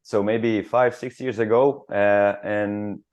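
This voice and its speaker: Croatian man in his thirties, low voice, halting radio interview answers. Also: steady tone, a little mellow, smooth, dull audio. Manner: halting, many fillers and restarts, earnest. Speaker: futsal club captain.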